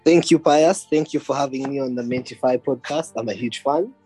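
A man's voice: medium pitch, a little fast, dark tone, breathy edge, faint music behind. A young man from Uganda, a podcast guest who speaks casually and hesitantly. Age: young adult. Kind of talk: casual interview.

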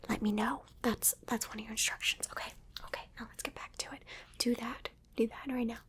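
A woman whispering a playful ASMR role-play, coaxing the listener with gentle repeated instructions. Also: a little high, fairly even intonation, brisk. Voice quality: soft whisper. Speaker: ASMR creator.

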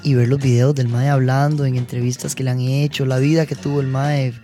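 A man with a Costa Rican accent, a podcast guest telling relaxed, reflective anecdotes with casual swearing. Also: medium pitch, a little fast, soft background music. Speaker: guest, actor and musician. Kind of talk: casual chat.

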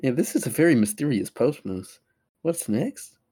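A man's voice: mid-range voice, animated, normal speed, mellow, husky. A young man co-hosting a casual podcast chat, dry and teasing. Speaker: podcast co-host.

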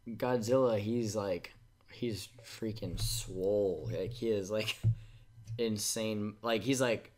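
Laid-back low-voiced male co-host. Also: steady tone. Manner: laid-back, chatty, quick to laugh. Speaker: podcast co-host. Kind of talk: casual chat.

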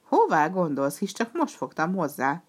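A woman voicing a mocking, boisterous male clown who jeers loudly in a raised voice. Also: on the low side, sing-song, breathy edge. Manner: raised, jeering and loud.

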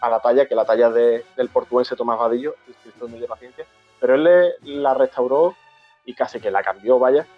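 Halting man telling a memory. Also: mid-range voice. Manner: halting, repeats words, moved. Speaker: host of a brotherhood talk show. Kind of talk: emotional storytelling in casual chat. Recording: dull lo-fi sound with faint music.

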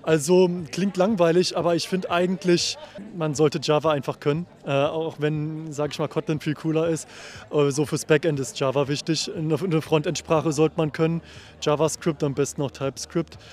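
A man with a slightly high voice answers questions outdoors at a party. He is hesitant, restarting and repeating words as he thinks. His talk is casual and friendly. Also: steady tone, normal speed, darkish tone. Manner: hesitant, stammering, many restarts. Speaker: software developer.

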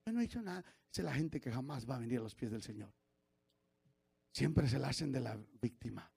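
A man, preaching a sermon as pastor, swinging from shouted preaching to low confiding asides. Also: moderate pace, gravelly, slightly rough.

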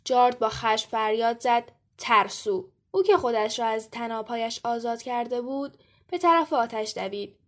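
A woman reading a story aloud in an even, measured voice. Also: on the high side. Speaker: narrator.

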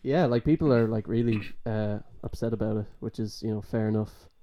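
A man chatting casually about college work, rambling with many fillers and trailing off quietly. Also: fairly low pitch, brisk. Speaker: college student. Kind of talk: casual chat.

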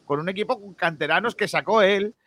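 A man hosting a lively football debate, insistent and quick to argue back. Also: high voice, vocal fry. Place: studio in Málaga.

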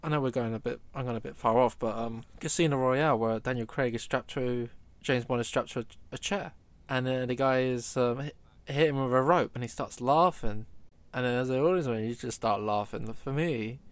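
A man co-hosting a casual film chat, opinionated and animated, stumbling over his words. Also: mid-range voice, fairly quick, hardly any pauses, dry recording. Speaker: film podcast co-host.

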